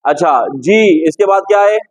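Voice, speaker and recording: A man with a high voice, speaking at normal speed, leads a tajweed class on correct recitation; the recording is rough with no room sound. He says each word repeatedly, asks his students questions, and corrects them.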